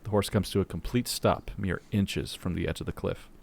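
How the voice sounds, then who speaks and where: A man's voice: sits low, moderate pace, gravelly, a little mellow. A man on a casual podcast, reading jokes aloud to friends with laughing asides.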